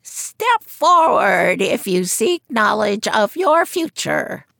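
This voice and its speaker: A woman voicing a mischievous old female fortune teller, slow and theatrical, with a croaking voice that sits higher and louder than her narration. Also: very animated, no room sound, full character voice. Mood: mystical.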